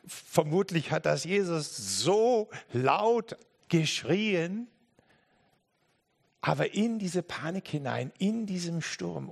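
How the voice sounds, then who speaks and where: A man preaching a sermon emphatically, speaking straight to the listener and swinging between loud and hushed. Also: medium pitch, gravelly, husky.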